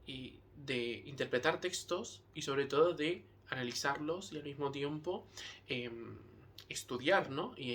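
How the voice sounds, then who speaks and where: A man from Argentina with a Rioplatense accent, talking casually to his viewers in a rambling, hesitant way with lots of filler pauses. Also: mid-range voice, pushed and bright. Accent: Argentine Rioplatense Spanish. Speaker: vlogger. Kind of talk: casual talk to camera.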